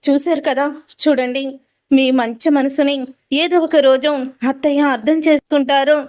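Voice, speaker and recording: A woman retells an episode of a TV serial, narrating the plot and reading each character's lines in quotes, often tagging them with "ani antu untundi." Her high voice is a little mellow, with fairly even intonation and a measured pace.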